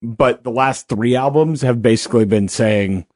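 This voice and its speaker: A man speaking haltingly as a panelist in a casual podcast discussion. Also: medium pitch, darkish tone.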